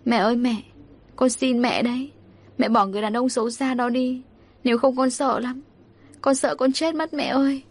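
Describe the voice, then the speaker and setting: A woman's voice: a little high, fast, a little mellow, voice pushed up, natural voice. A woman voicing a frightened young daughter who pleads tearfully and hesitantly. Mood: pleading.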